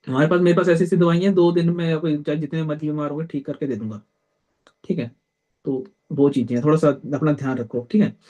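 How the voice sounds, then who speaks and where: A man's voice: a little high, mellow. A young man leading a sales team meeting, giving blunt, direct advice and calling his listeners brother. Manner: direct and blunt, peppers talk with "theek hai". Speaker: team leader. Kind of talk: motivational team meeting talk.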